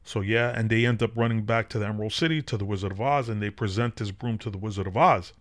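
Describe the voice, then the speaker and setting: A man's voice: fairly low pitch, steady tone, quick pace, a bit bright. A man hosting a podcast, casually retelling a film and drawing spiritual lessons from it, in a loose, rambling way with many fillers and restarts. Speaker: podcast host.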